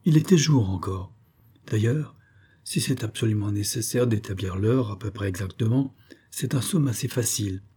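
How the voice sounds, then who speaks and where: A man's voice: on the low side, normal speed, mellow, husky. A man doing a cunning suspect pleading innocence. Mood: evasive. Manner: theatrical, pleading. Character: cunning male suspect feigning outraged innocence.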